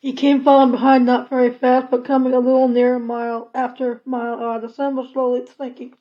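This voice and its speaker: A woman reading a classic children's novel aloud at an unhurried pace, plain and steady. Her voice is fairly high, and the recording has a slightly dull, lo-fi quality. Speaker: audiobook reader.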